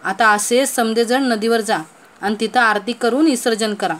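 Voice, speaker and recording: A woman voicing a stern village mother who scolds children in loud, bossy rural speech. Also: fairly high pitch, steady tone, normal speed, close to an everyday voice. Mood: firm advice.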